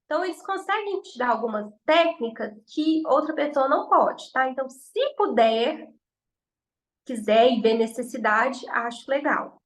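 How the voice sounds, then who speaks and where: A woman's voice: sits high, lively intonation, normal speed, rough recording. A woman from Minas Gerais with a mineiro Brazilian accent, giving chatty, reassuring exam advice and acting out what people say. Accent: Mineiro Brazilian Portuguese. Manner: chatty, reassuring, acts out quoted remarks. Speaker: exam prep teacher. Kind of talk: informal teaching talk to camera.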